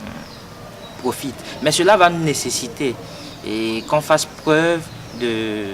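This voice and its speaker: Slow and expressive, with a mid-range, slightly bright voice, a young Togolese man in his twenties makes an earnest political statement for an interview. He is a party activist who hesitates often, leaning on fillers and repeated words, against the noise of an outdoor street.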